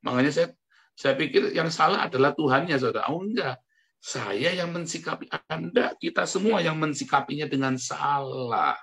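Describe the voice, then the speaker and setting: Man, pastor, sermon, colloquial and chatty, addresses the congregation, self-mocking, sudden loud bursts. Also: a little high, expressive, normal speed, creaky. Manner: swings from quiet asides to sudden loud outbursts; self-mocking, laughs as he talks.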